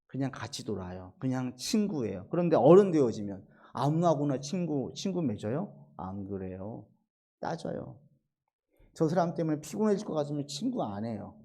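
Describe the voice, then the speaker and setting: A middle-aged male pastor delivers a sermon, sinking into soft, low asides before rising into emphatic, acted-out quotations.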